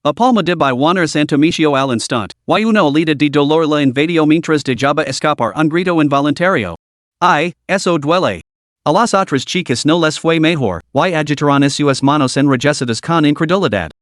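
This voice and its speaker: A man narrating a comic-style fantasy story summary in a steady, even storytelling manner. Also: on the high side, brisk, few pauses, dry recording, studio quality.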